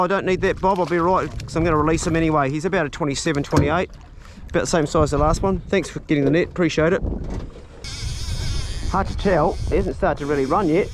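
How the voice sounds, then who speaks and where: A man with a broad New Zealand accent chatting casually in a laid-back, matey, slangy way as he vlogs outdoors. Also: on the high side. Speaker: vlogger. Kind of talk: casual outdoor vlog chat and commentary. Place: outdoors on a farm and small boat. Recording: loud outdoor wind and boat noise.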